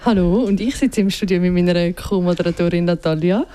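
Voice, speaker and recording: A woman's voice: lowish voice, brisk, mellow. A woman co-hosting a live radio show in a studio, playful and upbeat. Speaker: radio co-host.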